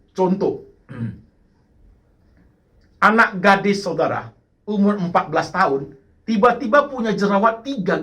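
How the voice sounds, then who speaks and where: A man's voice: high-pitched, fairly bright tone. A man preaching a sermon, repeating phrases and calling out to the congregation, sliding now and then into English words. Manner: mixes English words into his speech. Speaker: pastor.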